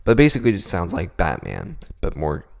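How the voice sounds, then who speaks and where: Low, gravelly young man explaining vocal tricks. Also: huge pitch swings, fairly quick. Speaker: beatbox tutorial host. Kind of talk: casual vocal technique tutorial.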